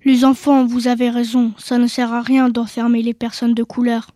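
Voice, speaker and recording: A woman voicing a cruel male ogre in a storybook tale, with a loud, scolding character voice. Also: on the high side, monotone, normal speed, no room sound, studio quality, lightly acted. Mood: remorseful.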